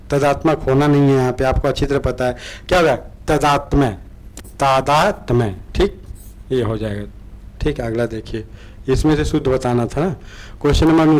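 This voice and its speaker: A man teaching an online exam-prep lesson. He reads the options aloud slowly, then explains them, often checking in with a quick "okay". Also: a little high, darkish tone, low-quality recording. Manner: repetitive, checks in with "ठीक है" often.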